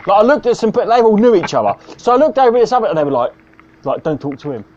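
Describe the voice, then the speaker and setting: A stand-up comedian with a high, darkish voice tells a rambling, sweary anecdote on a podcast, very animated and rapid-fire. It's casual storytelling, heard through dull, lo-fi video call audio.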